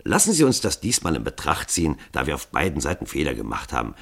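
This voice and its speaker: A man doing a calm, courteous assassin chief. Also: very deep voice, fast, creaky, breathy edge, pitched below the performer's own voice, heavily acted. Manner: calm, polite, controlled.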